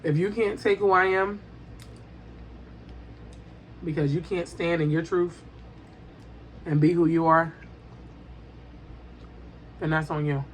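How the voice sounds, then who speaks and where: A woman's voice: on the low side, fairly even intonation. Woman chatting through a noisy mukbang. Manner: talking while eating, with pauses and mm sounds; emphatic, repeats phrases for emphasis. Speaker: mukbang vlogger. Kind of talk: casual chat to viewers while eating.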